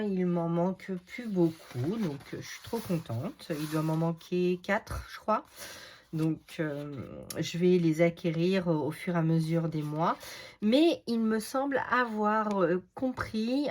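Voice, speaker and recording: A woman hosting a casual unboxing vlog, chatty and halting, full of fillers. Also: on the low side, darkish tone. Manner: chatty, frequent "euh" and "donc" fillers; hesitant, halting delivery. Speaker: craft video host.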